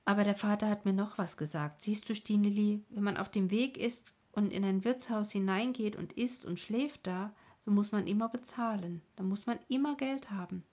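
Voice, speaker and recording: A woman voicing a wistful, sad little boy in a bedtime story, breathy and softly whispered. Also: mid-range voice, normal speed, few pauses, voice pushed up, lightly acted. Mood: earnest.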